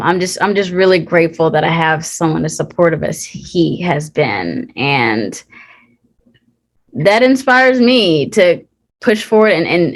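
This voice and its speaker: Earnest young woman, heartfelt and halting. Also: on the low side. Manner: earnest and heartfelt, many fillers and restarts. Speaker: guest, actor. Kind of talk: casual interview.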